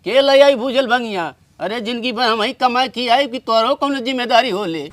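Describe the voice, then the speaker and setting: Very high-voiced man grumbling. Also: moderate pace, a bit bright, no echo. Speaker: comedy sketch actor. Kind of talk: rural family comedy sketch.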